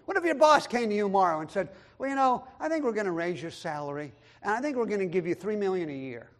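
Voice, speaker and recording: A pastor with a strikingly high voice preaches a sermon, reading scripture aloud and talking fast and expressively. His delivery is emphatic, rising to loud, high lines on the major points and dropping to quiet, low asides. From time to time he acts out the voices of other people.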